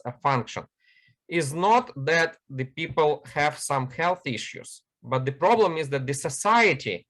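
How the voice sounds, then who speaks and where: A man delivering a training lecture, explaining ideas step by step through many examples and pausing often to find his words. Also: medium pitch, a bit bright. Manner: explanatory, lists many examples, frequent hesitations.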